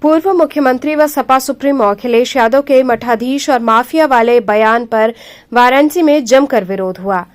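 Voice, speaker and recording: A woman reading a local news bulletin in a formal, measured delivery. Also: on the high side. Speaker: news reader. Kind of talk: scripted news narration.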